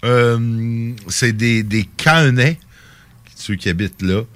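A man's voice: medium pitch, expressive, slow pace, a bit bright, no echo. A man with a Québécois accent hosting a radio show, reading local news in a casual, hesitant way with many fillers. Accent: Québécois French. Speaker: radio host.

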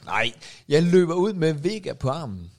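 A man co-hosting a casual podcast, telling a story in an animated way and acting out the quotes. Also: on the high side. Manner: animated, acts out quotes, shouts lines. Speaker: podcast co-host.

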